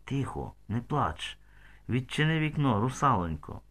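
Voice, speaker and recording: A man voicing a grown village man who speaks softly and tenderly, soothing a frightened girl in an audiobook. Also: medium pitch, expressive, moderate pace, natural voice. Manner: soft, hushed, soothing.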